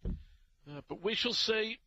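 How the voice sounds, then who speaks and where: Male sports commentator, live darts coverage, high-pitched, sharp tone, opinionated analysis, dry close mic. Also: animated, slow pace, dry recording. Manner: opinionated, reflective analysis between throws.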